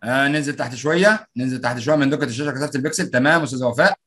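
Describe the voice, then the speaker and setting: Lively fast-talking Egyptian man. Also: medium pitch, breathy edge, faint music behind. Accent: Egyptian Arabic. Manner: playful, energetic, reads out participants' answers and greets them. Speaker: online trainer. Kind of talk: live online workshop.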